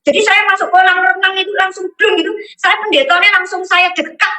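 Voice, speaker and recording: A woman's voice: extremely high pitch, steady tone, fast talker, pushed and bright, rough recording. A woman giving a religious testimony to a congregation, telling her story vividly and often turning to address her listeners directly. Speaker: testimony speaker.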